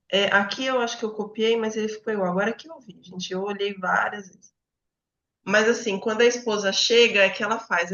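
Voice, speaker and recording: A woman's voice: medium pitch, fairly bright tone. Brazilian woman hosting a reading club, chatty teacher vibe, keeps asking "né?", roomy dull lo-fi sound. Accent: Brazilian Portuguese. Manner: conversational, often checks in with "né?". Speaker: book club host and educator. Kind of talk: explanatory teaching talk.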